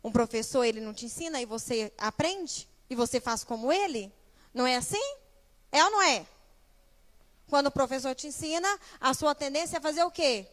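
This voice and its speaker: A young woman preaching a sermon in church, animated, putting rhetorical questions straight to the congregation. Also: sits high, brisk. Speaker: guest preacher and small-group leader.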